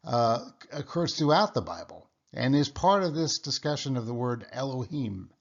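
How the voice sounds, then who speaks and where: Halting, muffled male Bible teacher. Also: mid-range voice, animated. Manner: halting, with frequent "uh" and restarts; explanatory, checks in with "okay?". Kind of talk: casual Bible study lecture.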